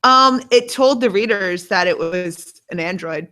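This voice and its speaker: Woman, book club co-host, chatty, thinking aloud, middling pitch. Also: a little slow, pushed and bright. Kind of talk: casual book discussion.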